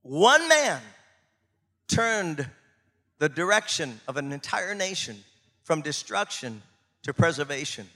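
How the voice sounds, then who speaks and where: Forceful, bright-voiced male preacher. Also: fairly high pitch, very animated, takes it slowly, long pauses, big-room sound. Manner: emphatic, repeats words for emphasis, laughs easily. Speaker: pastor. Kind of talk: sermon.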